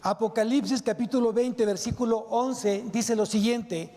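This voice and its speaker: A man's voice: extremely high pitch, steady tone, normal speed, warm tone. A man preaching a sermon to his congregation, putting emphatic rhetorical questions to them. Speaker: pastor. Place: church sanctuary. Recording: long reverb of a church hall.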